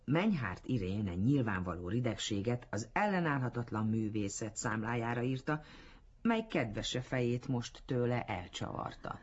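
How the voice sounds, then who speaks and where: A man reading a literary story aloud in a measured storytelling manner, on a dull lo-fi recording. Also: medium pitch, big pitch swings. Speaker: narrator. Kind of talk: literary audiobook narration.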